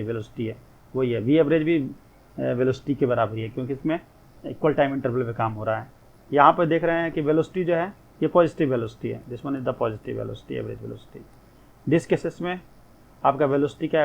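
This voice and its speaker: A man's voice: mid-range voice, creaky, highs cut off. A male physics teacher giving a recorded lecture. He explains step by step, poses questions and answers them himself, and mixes English phrases into his talk.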